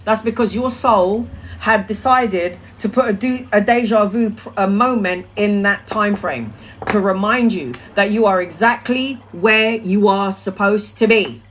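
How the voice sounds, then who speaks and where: Woman, middle-aged, mid-pitch; casual, sweary tarot livestreamer. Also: unhurried, a little hiss or hum, poor audio. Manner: chatty, blunt and sweary, with rambling restarts. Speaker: tarot reader answering viewer questions. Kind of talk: casual live-stream chat.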